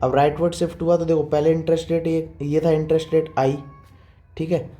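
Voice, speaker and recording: A young man teaching economics in a casual lecture style, talking fast and often checking in with the students. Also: fairly high pitch, level tone, dark tone, soft background music. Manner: repetitive, checks understanding with frequent 'theek hai'; quick, informal teaching tone, addresses students as 'beta'. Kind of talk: classroom lecture explaining diagrams.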